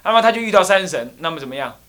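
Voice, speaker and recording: A Buddhist abbot from Taiwan giving a lively story-filled dharma lecture in Taiwanese-accented Mandarin. His voice sits a little high and sounds bright and forceful. His pitch leaps around constantly as he acts out characters and sound effects. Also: racing. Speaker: Buddhist monk, temple abbot.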